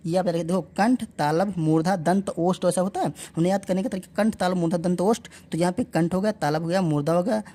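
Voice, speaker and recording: A woman's voice: lowish voice, fast, few pauses, warm tone. A woman teaching an exam-prep lesson, drilling letter sounds aloud and asking questions she then answers herself. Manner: addresses viewers as friends.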